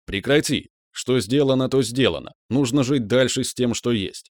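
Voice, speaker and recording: A man's voice: mid-range voice, normal speed, no echo, clean studio sound, lightly acted. A man voicing a stern, commanding older mentor, a veteran mage, in an audiobook. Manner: commanding, matter-of-fact.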